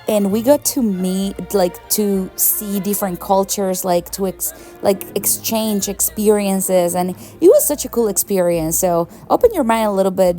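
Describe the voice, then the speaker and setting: A young Venezuelan woman narrates her travel vlog in a chatty, enthusiastic voice-over, laughing often. Her voice is warm and medium-pitched.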